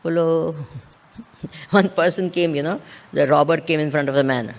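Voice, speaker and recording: A woman's voice: low-pitched, normal speed. A woman with an Indian accent giving a scriptural lecture as a spiritual teacher, repeating key words and posing questions to check understanding.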